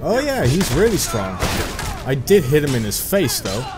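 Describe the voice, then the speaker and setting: Over background music, this young man from the Netherlands chats casually to himself while commenting on his own gameplay, speaking at normal speed with big pitch swings in a mid-range voice. His Dutch accent comes through as he mutters and makes jokes at his own expense in this relaxed let's play.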